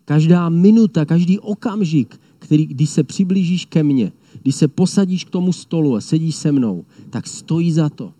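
A man voicing a strong, victorious lion who shouts encouragement. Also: a little high, lively intonation, dry recording, voice pushed up. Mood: insistent.

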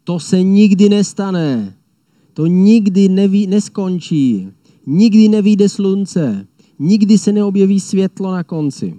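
Brief: a man playing a menacing roaring lion, raised and shouting, dark dry voice. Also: on the high side, steady tone, no room sound, natural voice. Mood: taunting. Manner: shouting, discouraging, mocking.

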